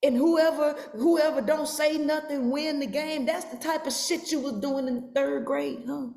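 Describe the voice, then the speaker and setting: A woman hosting a podcast, giving a mocking, profane reaction commentary with emphatic, sometimes shouted lines. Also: high-pitched, steady tone, measured pace, gravelly. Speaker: podcast host. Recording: roomy echo.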